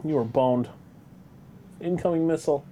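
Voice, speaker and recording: A man coaching a friend through a space combat game with quick jokes and teasing. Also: on the high side, dark tone, a little hiss or hum. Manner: wisecracking, coaching. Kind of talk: playful banter over gameplay.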